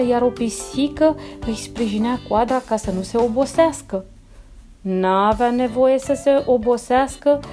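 A woman reading a children's story aloud, slow and expressive. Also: a little high. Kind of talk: children's audiobook narration. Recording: soft instrumental music behind.

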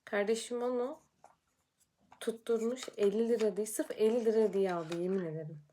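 A young woman vlogs casually as she does her makeup, chatty and quick to lose her temper before she talks herself calm again. Her voice is mellow and warm, at a middle pitch. A faint hiss sits under the recording. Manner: chatty, quickly frustrated and self-soothing. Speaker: vlogger. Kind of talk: casual vlog chat while doing makeup.

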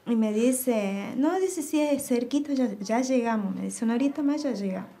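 A woman with an Argentine accent giving personal testimony, recounting events by quoting dialogue in a low, subdued way. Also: animated, moderate pace, dark tone. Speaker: interviewee.

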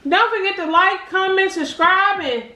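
A woman's voice: very high-pitched, normal speed, sharp tone. A flustered, out-of-breath woman co-hosting a comedy vlog, fretting and repeating herself. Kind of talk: comic improvised chat. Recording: roomy echo.

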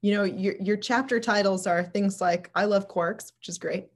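A woman's voice: mid-range voice, fairly even intonation, moderate pace. A woman moderating a casual online book club discussion, chatty and thinking aloud over a video call.

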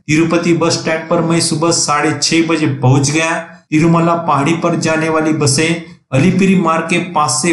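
A man with a fairly high voice reads out a travel vlog in a steady, scripted way, giving practical tips as he goes. The voice-over sounds echoey, with a faint hiss behind it. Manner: steady, plainly read narration with practical tips. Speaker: travel vlogger.

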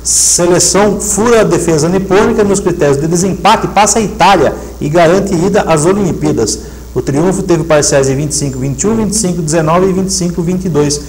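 A man's voice: high voice, a little fast, rough recording. A middle-aged man hosting a sports show, chatting and reading match results steadily. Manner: steady, reads lists of results. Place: TV studio set. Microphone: lapel mic.

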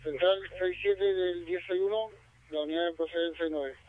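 A man from Chile calls in from a fire unit over two-way radio, using short coded phrases. His voice is high for a man. The transmission sounds dull and narrow, and dry. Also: fairly even intonation, moderate pace, no room sound. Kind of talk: radio dispatch traffic.

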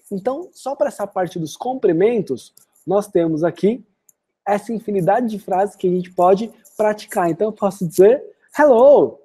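An English teacher with a Brazilian Portuguese accent runs an online lesson, explaining phrases before saying the English examples slowly and clearly. Her voice is medium-pitched and warm.

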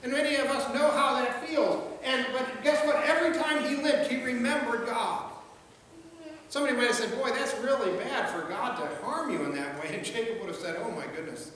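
Fairly quick and very high-voiced, with a bit of brightness, a middle-aged pastor gives a sermon from a large church's pulpit in a conversational way, repeating words and including jokes and quoted voices. Picked up by a pulpit mic and filmed from afar, the audio is echoey and distant, with faint ambience and slight background noise.

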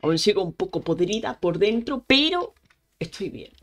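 Excitable young Spanish woman gaming. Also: mid-range voice, normal speed, slight background noise. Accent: Spain Spanish. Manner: excitable, chatty, talks to game animals, bursts into shrieks. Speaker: Minecraft streamer. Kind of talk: let's-play gaming commentary.

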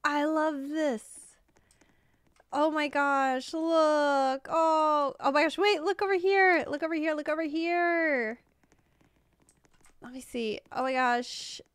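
A young woman live-streaming a game, gushing with excited exclamations as she chats to her viewers. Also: sits high, takes it slowly, no room sound. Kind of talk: live gameplay stream chat.

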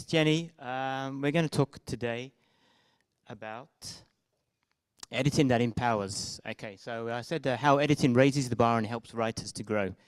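Speaking into a handheld mic at a meetup, a young man from Britain and Israel with a British accent delivers a casual, hesitant talk full of fillers and restarts while slides are projected. His voice is mid-range and smooth, and there's no room sound.

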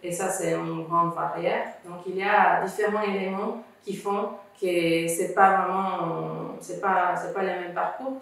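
A woman's voice: lowish voice, fairly even intonation, measured pace, vocal fry, few pauses. A woman from Venezuela, a guest in an interview, earnestly explaining things step by step. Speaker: guest, founder of a refugee student association. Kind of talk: conversational interview. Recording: echoey room, distant mic.

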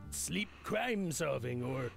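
An actor playing a neurotic police officer in a cartoonish video game, wordy and self-pitying in a melodramatic way. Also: male voice, on the high side, lively intonation, takes it slowly, vocal fry, music in the background, exaggerated voice. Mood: melodramatic dismay. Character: neurotic, sleep-hacking male police officer, melodramatic and oblivious.

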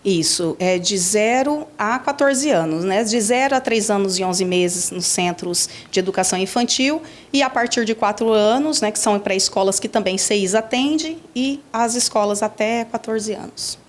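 A woman in her forties who directs a school enrollment office answers a reporter's questions for a news interview, speaking indoors into a handheld mic. Her mid-range voice is measured and explanatory, with frequent fillers.

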